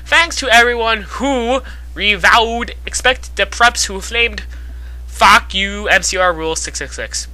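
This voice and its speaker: A woman's voice: mid-range voice, a little slow, pushed and bright, dry recording, rough recording. A young woman reading bad fanfiction aloud in a mocking, dramatic way, giggling, exasperated, and dropping into silly character voices. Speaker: fanfiction reader.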